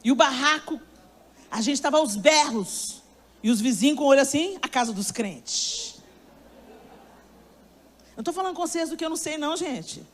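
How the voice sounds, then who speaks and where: A woman's voice: sits high, quick pace. A woman preacher delivering a sermon, telling a story with emphasis and speaking straight to her listeners.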